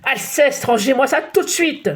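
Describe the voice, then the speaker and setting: A stern, easily rattled male school supervisor from a children's storybook, voiced by a woman. He barks out orders that carry little authority. The voice is somewhat high and lively. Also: fast. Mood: exasperated.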